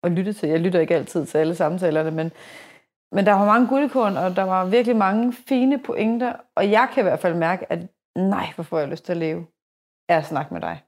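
A woman in her forties hosting a podcast, chatting casually and telling stories in a lively way with many restarts. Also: fairly low pitch. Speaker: podcast host. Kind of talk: casual conversation.

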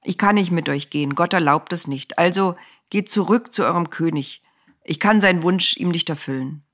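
A woman voicing a calm, steadfast male seer in a storybook reading, speaking firmly. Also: fairly low pitch, normal speed, lightly acted. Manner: calm and firm.

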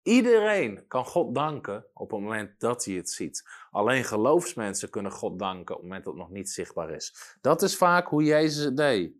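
A man preaching a sermon with emphatic delivery, slowing down to read scripture and rising to loud exclamations. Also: mid-range voice. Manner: reads scripture slowly and deliberately.

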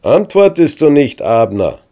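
A man voicing a bold young male warrior who shouts loudly across a valley, defiant and pleading. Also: rumbling low, sing-song, moderate pace, creaky, breathy edge, full character voice. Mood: defiant shouting. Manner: loud, calling out, defiant.

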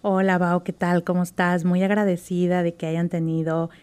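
A woman's voice: on the low side, little pitch movement, moderate pace, darkish tone, clean tone. A woman from Oaxaca with a Mexican accent, guesting on a radio interview and talking with gushing enthusiasm. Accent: Mexican Spanish. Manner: effusive and enthusiastic, stresses words like "super". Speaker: interview guest, writing group member.

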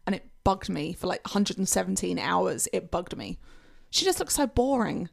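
A woman in casual chat, telling wry stories with a creaky voice. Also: lowish voice, very animated, normal speed. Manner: chatty, wry storyteller.

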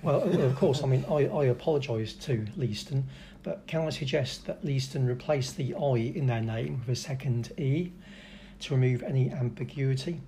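A man's voice: medium pitch, moderate pace, dark tone, a little hiss or hum. A man hosting a casual local football chat, with hesitant restarts and a dry sense of humour. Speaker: club radio host.

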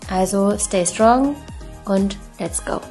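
A woman's voice: medium pitch, takes it slowly, faint music behind. A woman who is a teacher hosting a podcast, introducing her guest in an encouraging way. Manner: warm-hearted, encouraging.

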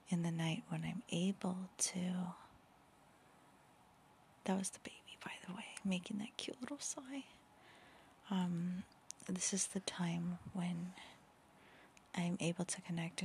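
A woman's voice: on the low side, vocal fry, a little hiss or hum. A woman in her thirties whispering a podcast at home late at night, yawning often as babies sleep beside her. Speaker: podcast host and author.

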